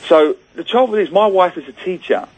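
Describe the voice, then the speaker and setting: A man's voice: high-pitched, lively intonation, a little fast, a little mellow, low-quality recording. A man who grew up in Singapore, a book author guest on a radio show, telling chatty self-deprecating stories and acting out quoted lines. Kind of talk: radio interview, phone-in guest.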